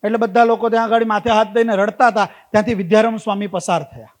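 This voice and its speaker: A man's voice: high voice, steady tone, fast talker. A man giving a motivational talk to a community gathering, telling stories, repeating key phrases and asking the audience rhetorical questions. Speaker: invited speaker.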